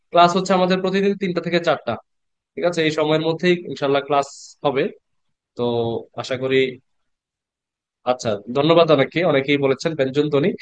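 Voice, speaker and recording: A man's voice: a little high, clean tone, dry recording, highs cut off. Patient man teaching over a video call. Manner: patient, repeats letter sounds slowly and asks the class questions. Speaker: Quran reading teacher. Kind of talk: online class lesson. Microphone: computer mic on a video call.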